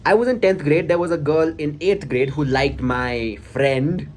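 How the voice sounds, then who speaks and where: A young man with an Indian accent talks casually and haltingly, reflective and a little self-conscious as he shares his old diary. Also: on the high side, darkish tone. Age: young adult. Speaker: vlogger. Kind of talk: casual personal storytelling, reading from an old diary. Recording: clearly audible background noise.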